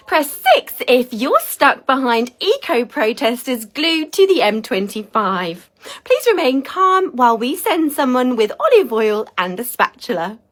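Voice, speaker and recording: A woman's voice: a little high, a bit bright, exaggerated voice. A woman performing a sarcastic automated phone menu, read in the cadence of a recorded phone message.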